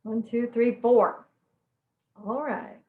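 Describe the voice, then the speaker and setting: A woman's voice: fairly high pitch, fairly even intonation, slow pace, roomy sound, narrow, tinny audio. A woman teaching a live online cooking class, chatty and bubbly, teary-eyed from chopping onions. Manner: bubbly, chatty, laughs at her own jokes.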